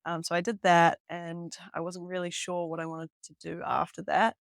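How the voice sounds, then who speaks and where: Speaking in a lowish, creaky voice with flat delivery and a moderate pace, a young New Zealand hiking guide chats as a podcast guest. The casual interview takes place in a hostel room, recorded close and dry without echo, and she laughs easily while peppering her talk with "um" and "like."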